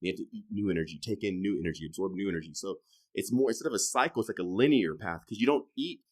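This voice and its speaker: This thirty-something podcast guest has a low-sitting voice and talks fast in loose, profane conversation. Loud emphatic bursts give way to quiet, trailing asides.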